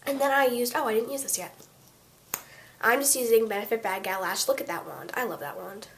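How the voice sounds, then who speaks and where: A woman's voice: a little high, brisk, a bit bright, a little hiss or hum. A teenage girl with a cold and a congested voice, chatting her way through a casual makeup tutorial with lots of fillers and self-corrections. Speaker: beauty vlogger.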